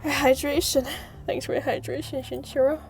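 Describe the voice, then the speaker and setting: A high-pitched, creaky voice with little pitch movement comes from a woman livestreaming a game at normal speed, music playing in the background. In a giggly, playful mood, she talks to viewers, thanks them, reads story text aloud, and mock-scolds.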